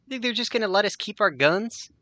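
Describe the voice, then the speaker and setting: An irritable prisoner thug, played by a man snaps back in a raised, cursing voice. The sound is dry and close, with a lively, swinging pitch. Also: fast talker, dry recording. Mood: exasperated. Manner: snappish, cursing. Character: irritable male captured thug.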